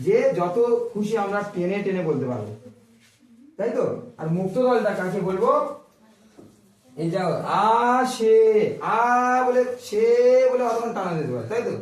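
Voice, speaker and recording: A man's voice: sits high, darkish tone. A male teacher giving a classroom grammar lesson. He keeps asking his pupils questions and draws out sounds to show how they work. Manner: asks the class frequent questions and stretches sounds to demonstrate. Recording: very echoey classroom, voice distant.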